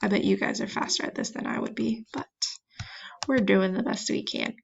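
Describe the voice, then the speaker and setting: Woman, teacher, virtual lesson, patient, sounds out words, gravelly, dull lo-fi computer mic. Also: mid-range voice, moderate pace, slight background noise. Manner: chatty self-deprecating asides.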